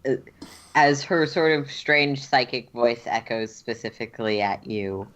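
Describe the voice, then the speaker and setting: A woman's voice: very deep voice, poor audio. A woman running a tabletop roleplaying game as game master, narrating and refereeing in a casual, joking way. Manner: casual, joking, quick to laugh.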